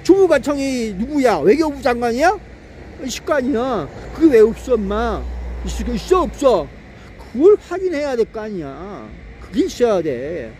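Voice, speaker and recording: A man talks through a scolding political monologue in a high voice that leaps up and down. He keeps jabbing with rhetorical questions and chuckles to himself. His tone stays mellow, and soft traffic noise drifts in from outdoors. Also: very animated, moderate pace. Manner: laughs to himself often. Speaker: political commentator.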